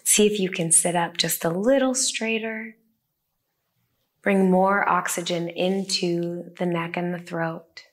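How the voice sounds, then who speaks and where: Guiding a body-scan meditation for listeners in the same room, a woman uses a calm, gentle tone that sits a little low. Her intonation stays fairly even, and she moves very slowly, with long gaps between phrases.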